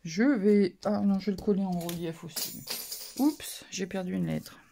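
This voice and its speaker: A woman's voice: medium pitch, normal speed, gravelly, warm tone, soft background music. A woman narrating a card-making tutorial, describing each step as she works, with many little fillers and hesitations. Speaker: craft channel host.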